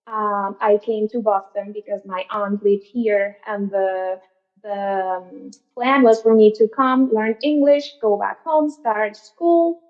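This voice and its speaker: A woman, earnest and a little hesitant as she reflects on her work. Her pitch sits mid-range for a woman. The audio is slightly muffled and lo-fi. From Venezuela. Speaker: guest therapist. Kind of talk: casual interview answers.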